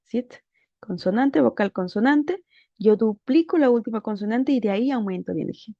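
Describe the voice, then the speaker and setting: A woman's voice: fairly high pitch, animated, moderate pace, dry recording, dull audio. A woman teaching English grammar, patiently walking through a worksheet and often checking with rhetorical questions.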